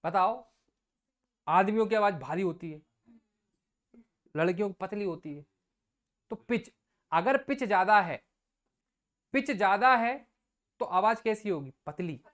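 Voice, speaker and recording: A woman's voice: medium pitch, expressive, measured pace, pauses often. A woman teacher giving an exam coaching lecture, casually explaining with everyday examples and asking the class questions she answers herself.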